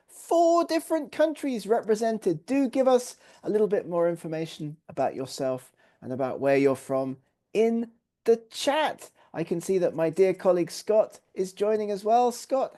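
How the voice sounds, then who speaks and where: A man's voice: high-pitched, expressive, moderate pace, warm tone. Upbeat English man hosting a webinar. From England. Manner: upbeat and welcoming, lots of praise words. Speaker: webinar host. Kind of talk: live online webinar hosting. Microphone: video call.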